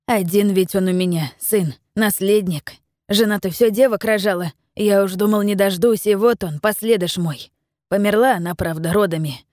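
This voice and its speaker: A woman reading the part of an aging peasant miller in an audiobook, pleading and blustering by turns, a little higher than her narration. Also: darkish tone, no echo, clean studio sound, lightly acted. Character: grieving aging peasant miller, proud, greedy.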